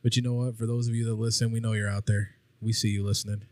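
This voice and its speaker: A man's voice: fairly low pitch, little pitch movement, fast talker, no room sound. A man co-hosting a podcast, chatting casually over drinks and swearing freely. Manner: laid-back, swears freely. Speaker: podcast co-host.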